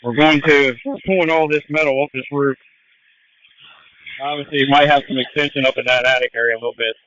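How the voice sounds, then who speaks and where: A man's voice: mid-range voice, fairly even intonation, fast talker, fairly bright tone, dry recording. A man giving firefighter radio reports to command from the fireground over a two-way radio. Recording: noisy, muffled firefighter radio transmission.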